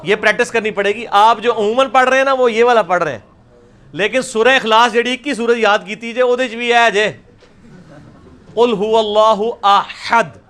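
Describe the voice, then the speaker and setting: A man's voice: very high-pitched, clear, resonant tone. A middle-aged man with a Punjabi accent teaching a pronunciation class, drilling sounds aloud and calling on students. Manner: demonstrates sounds by repeating them slowly and loudly, drills students by name. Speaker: religious teacher. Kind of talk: classroom lesson on Quranic pronunciation.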